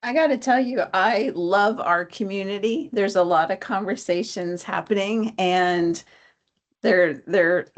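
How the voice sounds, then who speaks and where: A woman's voice: medium pitch, measured pace. A woman helping to run an online session, giving a casual spoken update. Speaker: session helper monitoring the chat.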